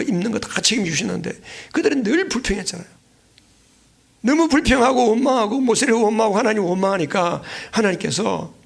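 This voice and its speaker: A man preaching from the pulpit in a high, gravelly voice. He presses his points by repeating phrases and keeps throwing questions to his congregation. Earnest and direct throughout. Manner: keeps asking the congregation questions and prompting replies. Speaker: pastor. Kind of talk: sermon.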